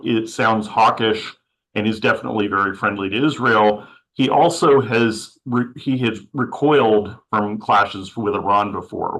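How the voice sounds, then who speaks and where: A man's voice: fairly low pitch, fairly bright tone, low-quality recording. A man moderating a policy panel who is losing his voice and asks long, rambling questions.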